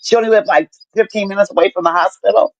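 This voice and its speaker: A middle-aged woman telling her story in casual chat, animated and profane, acting out what people said to her. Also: medium pitch, fast, vocal fry, dry recording. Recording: dull lo-fi dry sound.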